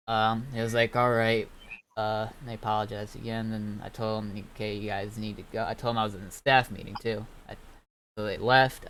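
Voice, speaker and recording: Over voice chat during a game stream, the owner and admin of a game server casually tells a rambling anecdote full of swearing, with music in the background. His voice is on the low side and a bit bright, with slight background noise and poor audio.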